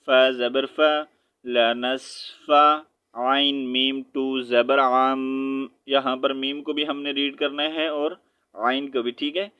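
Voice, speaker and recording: A man with a Pakistani Urdu accent teaches Quran recitation, spelling out syllables and drawing out the recited words. His voice is smooth and resonant and stays on a flat, even pitch. The recording sounds a little dull. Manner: patient teacher, quick asides, slow drawn-out recitation.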